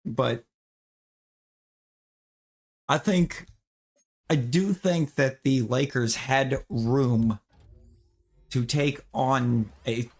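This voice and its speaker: He's an opinionated gamer chatting casually on stream, rambling to viewers and restarting sentences along the way. His voice is at an ordinary male pitch, with drawn-out words and long pauses.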